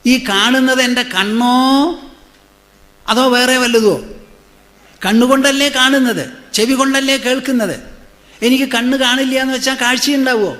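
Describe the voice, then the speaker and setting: A man's voice: very high-pitched, bright, forceful tone. A man, a swami, giving a spiritual discourse, pressing his listeners with rhetorical questions and repeating phrases for emphasis. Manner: chants scripture verses slowly in a drawn-out way.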